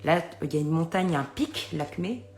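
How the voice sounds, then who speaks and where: A middle-aged woman who reads oracle cards chats casually to viewers about them in a low, darkish, animated voice at normal speed. She keeps addressing her audience with little asides to check they follow, using many fillers.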